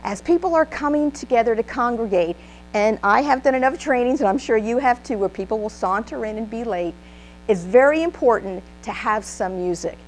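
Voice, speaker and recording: A woman's voice: on the high side, animated, brisk, soft background music, poor audio. A woman giving a motivational training talk, upbeat and emphatic, leading a live audience in call-and-response. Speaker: presenter giving a trainer workshop.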